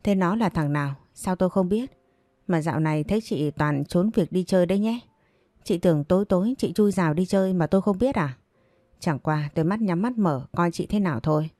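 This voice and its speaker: A woman's voice: fairly low pitch, a little fast, dark tone, no room sound, clean studio sound, lightly acted. A woman voicing a stern village mother who scolds her pregnant daughter sharply. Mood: scolding.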